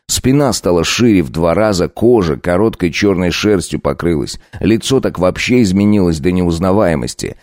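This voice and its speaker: A man narrating a dark folk-tale audiobook in a measured, storytelling way with folksy phrasing. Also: sits low, no room sound, studio quality.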